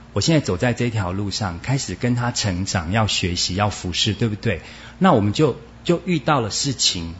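Male preacher, very animated sermon delivery that drops in Hokkien, dull lo-fi sound. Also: lowish voice, slight background noise. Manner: animated, acts out quoted voices, mixes in Hokkien words. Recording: dull lo-fi recording.

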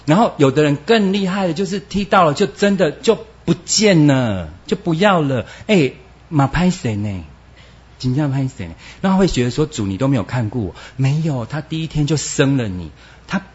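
A man preaching a sermon, animated and acting out quoted voices, with Hokkien words mixed in. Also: medium pitch. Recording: dull lo-fi recording.

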